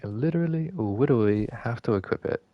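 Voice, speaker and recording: A man's voice: medium pitch, animated, fast, no echo, lo-fi sound. A man streaming a game and explaining a glitch in casual gameplay commentary, rambling and correcting himself and swearing casually. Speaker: gaming streamer.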